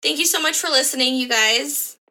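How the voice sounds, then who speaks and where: A young adult American woman hosts a casual podcast chat. Her voice sits fairly high and rings bright and forceful. She tells stories in blunt, slangy, profane language. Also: a little fast. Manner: profane, slangy, animated storytelling. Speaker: podcast host.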